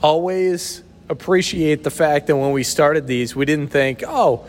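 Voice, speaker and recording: A man's voice: a little high, unhurried, slight background noise. A man co-hosting a podcast in casual, teasing chat, recorded in a sheltered outdoor spot with a big echoey reverb around his voice. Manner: easygoing, teasing, chuckles often. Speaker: podcast co-host.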